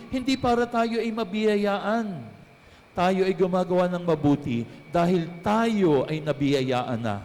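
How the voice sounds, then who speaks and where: A man's voice: high voice, darkish tone. Man preaching in a reverberant church. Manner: storytelling preacher, mixing in English phrases, asks the congregation questions. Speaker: priest. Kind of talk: homily at Mass.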